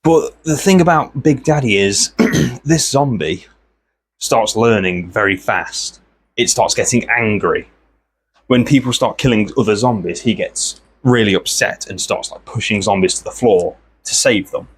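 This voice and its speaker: A man, host of an art channel, chatting casually and meandering from thought to thought while he works, often clearing his throat. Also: fairly low pitch, measured pace.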